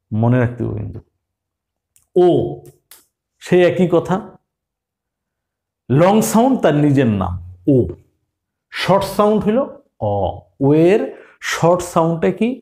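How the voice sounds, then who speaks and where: Man, English teacher, higher voice, patient question-and-answer phonics drill. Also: vocal fry, dark tone. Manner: asks questions and answers them himself, spells words out letter by letter. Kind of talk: classroom phonics lesson.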